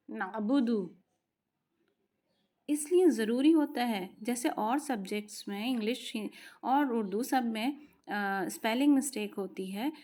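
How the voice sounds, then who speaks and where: A woman teaching an online Quran class, patiently repeating sounds slowly so students can practice. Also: fairly high pitch, mellow.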